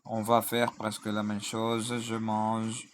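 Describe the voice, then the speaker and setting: A man's voice: lowish voice, monotone, slow pace, slight background noise. A man teaching a grammar lesson, drilling verb conjugations in lists and spelling out word endings letter by letter. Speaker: language teacher.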